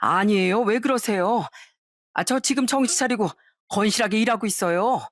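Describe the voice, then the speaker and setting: A woman's voice: medium pitch, expressive, normal speed, no room sound, studio quality, close to an everyday voice. A woman voicing a flustered middle-aged male con man who stammers and dodges. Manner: stammering, evasive.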